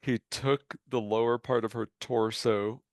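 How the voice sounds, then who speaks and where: A man's voice: medium pitch, steady tone, measured pace, no echo. A man co-hosting a podcast in casual chat, dropping dry, wry asides. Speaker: podcast co-host.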